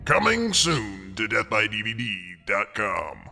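Booming movie-trailer announcer man. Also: big pitch swings, unhurried, gravelly, bright, forceful tone, big-room sound, soft background music. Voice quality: booming cinematic voice.

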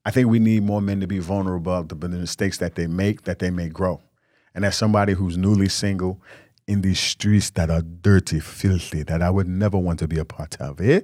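Earnest low-voiced man giving marriage advice. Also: steady tone, fairly quick, darkish tone, dry recording, studio quality. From New York. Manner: earnest, preachy and candid, with repeated emphatic words. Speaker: podcast host.

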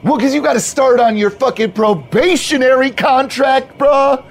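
Brief: man voicing a hyped young bro manager, shouting, profane, high and gravelly. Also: normal speed. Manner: shouting, swearing, manic enthusiasm. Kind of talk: tabletop role-play character voice.

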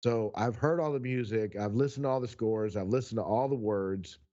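A man's voice: lowish voice, moderate pace, dark tone, lo-fi sound. A man co-hosting a podcast who once worked as an announcer, telling stories in an easygoing, anecdotal way. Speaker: podcast co-host, former announcer. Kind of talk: casual storytelling.

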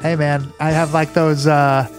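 A man with a slightly high voice talks as a casual podcast co-host. He swears freely, leans on slang and repeats himself for emphasis, with faint music underneath. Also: flat delivery, a little slow. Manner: profane, slangy, emphatic and repetitive. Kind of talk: casual chat about horror movies.

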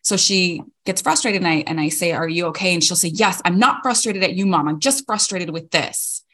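A woman's voice: fairly low pitch, brisk, pushed and bright. A woman in her thirties co-hosting a podcast, talking earnestly and reflectively about parenting with many fillers. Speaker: podcast co-host. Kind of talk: casual chat.

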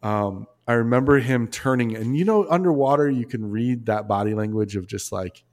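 Man, casual storytelling, animated, restarts and asides, mid-pitched voice. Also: normal speed. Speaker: podcast guest.

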